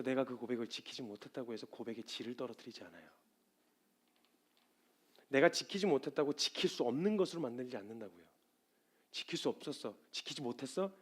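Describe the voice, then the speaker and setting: A male missionary preaching a sermon, swinging between loud emphatic bursts and soft hushed tones. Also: on the high side.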